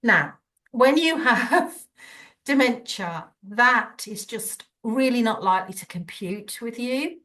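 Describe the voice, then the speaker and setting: A woman, a former nurse, guesting on a podcast and telling anecdotes with lively quoted dialogue. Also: fairly high pitch, slow pace. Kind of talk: conversational storytelling. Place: podcast interview.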